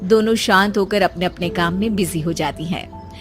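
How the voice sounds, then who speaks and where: A woman narrating a moral cartoon story in an even storytelling tone. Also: lowish voice, normal speed, faint music behind.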